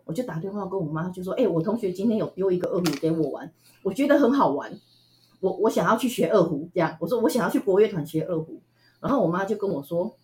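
A woman from Taiwan with a Taiwanese Mandarin accent, telling stories as an interview guest in a chatty, animated way with frequent laughs. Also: lowish voice. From Tainan, Taiwan. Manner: chatty, animated, laughs often, many fillers. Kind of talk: casual storytelling interview.

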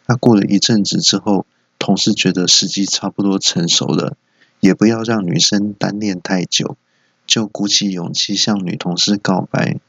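Hosting a solo comedy podcast, a man with a Taiwanese Mandarin accent tells office jokes as stories, acting out the people in them with high, squeaky outbursts. His gravelly, slightly rough voice has a fairly bright tone, fairly even intonation and normal speed. The dry recording sounds lo-fi.

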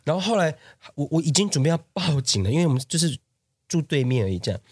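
A man, co-hosting a casual podcast chat and telling a story with lively, acted-out quotes. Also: on the high side, fast talker, breathy edge, dry recording, clean studio sound. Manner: animated storyteller who acts out quoted voices. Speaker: podcast co-host.

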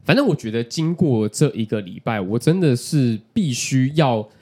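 A man's voice: medium pitch, moderate pace. A man, co-hosting a casual podcast chat and telling stories with playful quips. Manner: animated storytelling with playful quips. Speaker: podcast co-host.

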